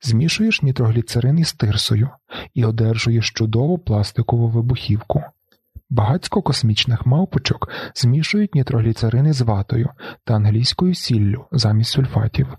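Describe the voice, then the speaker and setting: A man reading a novel aloud in the first person, with a flat, brooding delivery. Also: mid-range voice, normal speed, breathy edge, no room sound, clean studio sound. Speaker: audiobook narrator.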